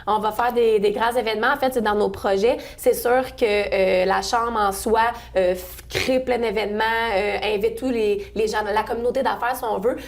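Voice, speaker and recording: A woman's voice: medium pitch, fairly even intonation, moderate pace, few pauses. A young woman in her twenties with a Québécois French accent, chatting as a guest in a local interview, friendly, with many fillers and restarts. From Quebec, Sorel-Tracy region. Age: 20s. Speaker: chamber of commerce events staff, guest.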